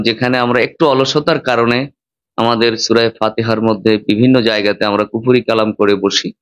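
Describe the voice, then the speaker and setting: A man's voice: mid-range voice, fairly bright tone. A man giving a sermon, teaching pronunciation with emphatic rises and drops. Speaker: Islamic preacher.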